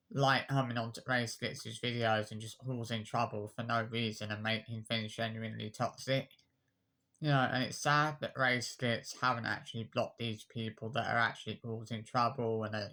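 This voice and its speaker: In an unscripted rant to camera, a YouTube commenter in his twenties sounds aggrieved and defensive, his medium-pitched voice sharp in tone. He keeps repeating himself, restarting phrases and rattling off a list of insults.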